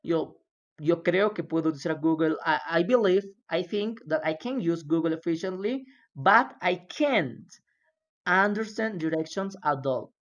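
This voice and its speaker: A woman whose first language is Spanish leads a classroom lesson at an unhurried pace. She patiently says each word slowly and repeats it so her students can echo it back. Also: fairly low pitch, expressive, lo-fi sound. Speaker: English teacher.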